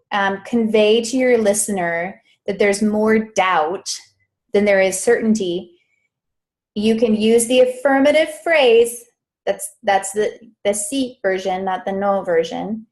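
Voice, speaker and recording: A Spanish interpreting coach with a medium-pitched, somewhat dark voice teaches a live online grammar lesson. She's chatty, frequently stopping to correct herself and laughing at little slip-ups.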